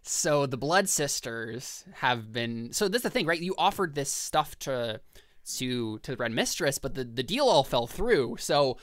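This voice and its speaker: A man's voice: medium pitch, sing-song, a little slow, fairly bright tone, dry recording. A man acts as game master for a tabletop game. He talks in a mid-range voice with very little room sound, moving between narration and conversational explanation of the rules.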